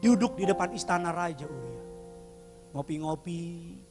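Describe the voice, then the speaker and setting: A man preaching a lively, comic sermon as pastor, acting out dialogue and sometimes shouting for emphasis. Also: high voice, normal speed, big-room sound. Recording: live music behind him.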